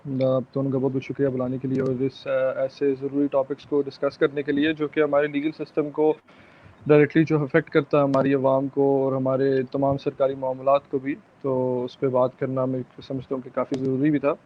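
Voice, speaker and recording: A man's voice: mid-range voice, monotone, a little fast. A man, joining a discussion as a guest over a breaking-up internet call, speaking politely and formally. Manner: polite, formal, apologetic about the line. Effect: breaking-up internet call audio. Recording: muffled internet call line.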